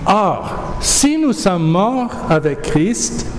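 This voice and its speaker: A man preaching a sermon and reading scripture aloud, with a measured, emphatic delivery. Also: high voice, big pitch swings, slight background noise. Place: church hall. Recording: echoey hall, faint ambience.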